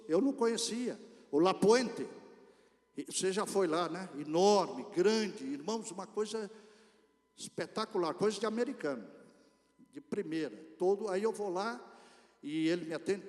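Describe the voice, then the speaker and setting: A man from Brazil with a Brazilian accent, preaching a storytelling sermon and speaking directly to the congregation in an animated way. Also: high voice. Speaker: pastor. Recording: reverberant church hall.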